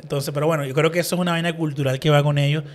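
A man hosting a casual podcast chat, animated and acting out the people in his stories. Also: on the high side, rapid-fire. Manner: animated storyteller, acts out quoted people. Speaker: podcast host.

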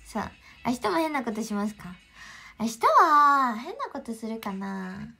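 A woman's voice: on the high side, very animated, unhurried, creaky, sharp tone. A young woman with a Kansai accent chatting casually on a home livestream, giggling often and answering viewers' greetings. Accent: Kansai Japanese.

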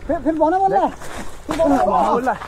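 A man's voice: very high-pitched, sing-song, fast. A man taunting and insulting someone in a confrontational way during a street quarrel.

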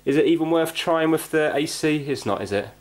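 A fairly high-pitched, expressive man talks a little fast while doing repairs on an indoor wooden floor for his amateur video. He thinks out loud in a casual way, often checking himself with questions, and the room recording is clicky and noisy.

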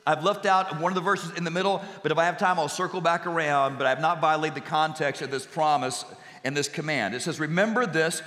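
A male pastor delivers a sermon in a church sanctuary, his voice high and bright with a forceful edge. He leans on emphasis, repeats key phrases for the congregation to finish, and slips in jokey asides. The sound rings with long hall reverb. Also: a little fast.

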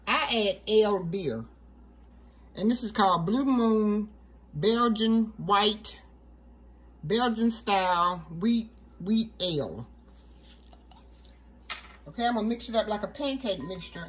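A woman hosting a cooking show, walking through a recipe step by step in a relaxed, chatty way. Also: mid-range voice, unhurried, long pauses, rough recording. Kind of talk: casual cooking demonstration.

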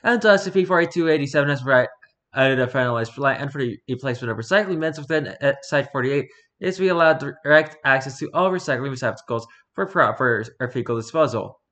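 A man's voice: mid-range voice, lively intonation, fast talker, a bit bright. A man casually reading a story document aloud and adding dry, sarcastic asides. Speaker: reader.

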